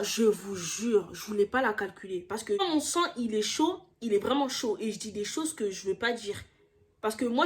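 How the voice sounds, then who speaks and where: A young woman telling a personal story in a casual, slangy way, getting heated and throwing in quick asides. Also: on the high side.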